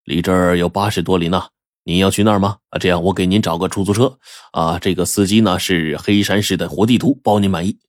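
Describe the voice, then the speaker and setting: A man's voice: deep voice, steady tone, fast talker, no room sound, studio quality, natural voice. A man voicing a fawning male henchman who speaks in an eager, obliging way. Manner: smiling, obliging.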